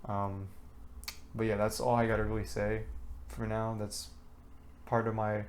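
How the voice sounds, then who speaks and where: A man's voice: fairly low pitch, little pitch movement, a little slow, slight background noise. A teenage boy talking to a camera for his diary vlog, rambling with many fillers and restarts. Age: teens. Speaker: student vlogger. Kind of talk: diary-style talk to camera.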